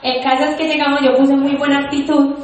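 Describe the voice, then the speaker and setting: A young woman giving an animated, emphatic motivational testimony to an audience, telling her story. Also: sits high, fast talker. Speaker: network marketing speaker. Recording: echoey hall.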